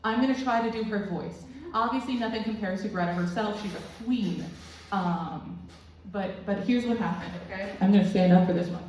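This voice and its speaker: A young woman telling a rambling, crude stand-up story full of self-deprecating asides. Her voice sits at an ordinary middle pitch. It is caught from a distance in a very echoey room with faint noise underneath. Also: normal speed, a little mellow. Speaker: stand-up comedian. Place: small student comedy club room.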